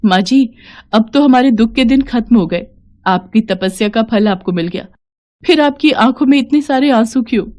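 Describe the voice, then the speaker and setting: A woman's voice: on the high side, normal speed, darkish tone, pitched above the performer's own voice, lightly acted. A woman voicing a young daughter-in-law who has become an officer, speaking emotionally and emphatically. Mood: grateful. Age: young adult.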